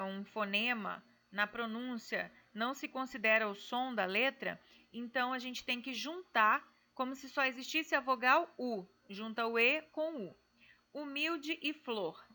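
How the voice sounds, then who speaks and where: A woman teacher working through poetry exercises in a recorded class, slow and careful as she spells out syllables one by one. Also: a little high, pushed and bright.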